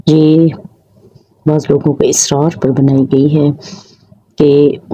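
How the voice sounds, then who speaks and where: Mellow, husky voice teaching pronunciation. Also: mid-range voice, little pitch movement, highs cut off. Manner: careful, explanatory, repeats each word slowly. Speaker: Urdu language teacher. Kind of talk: pronunciation lesson for a video channel.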